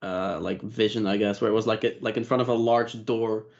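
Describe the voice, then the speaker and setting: A man chatting casually and a bit haltingly as a player in a tabletop role-playing game. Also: on the low side, fairly even intonation. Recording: dull lo-fi voice mic.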